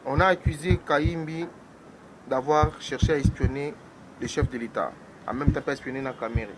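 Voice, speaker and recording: Animated man on a political talk show. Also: fairly high pitch, normal speed, noisy background. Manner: animated, mixes French and Lingala. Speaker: guest commentator.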